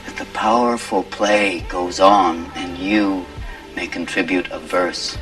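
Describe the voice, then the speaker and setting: An inspiring teacher with a deep voice, posing solemn, rhetorical questions. The film audio sounds distant, with music playing behind him. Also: male voice, steady tone, slow pace.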